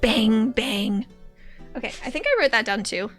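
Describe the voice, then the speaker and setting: A woman's voice: a little high, sing-song, racing, sharp tone, soft background music. A woman giving chatty, giggly commentary as she plays a game. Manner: chatty, giggly, easily delighted. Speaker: gamer.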